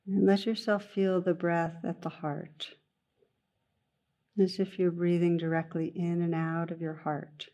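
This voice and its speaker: A woman guides a meditation with a low, mellow voice, very slow and gentle, pausing long between phrases. Her melody stays even and flat, like a teacher leading a calm practice, and the recording has its highs cut off.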